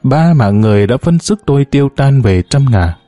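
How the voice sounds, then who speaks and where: A man reading a novel aloud in a somber, measured storytelling voice. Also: mid-range voice, expressive, warm tone, no room sound. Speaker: audiobook narrator. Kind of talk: scripted narration of a novel.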